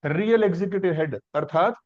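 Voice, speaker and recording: High-voiced man teaching a civics class. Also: brisk, muffled recording. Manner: questioning, explains step by step with simple examples. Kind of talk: classroom lecture.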